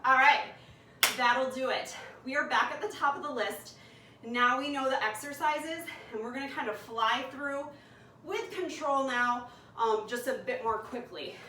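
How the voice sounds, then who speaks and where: A woman's voice: high-pitched, unhurried, bright, forceful tone, echoey room, distant mic, slight background noise, poor audio. A woman leading a workout class, coaching and counting reps aloud while she exercises, winded and out of breath. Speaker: fitness instructor.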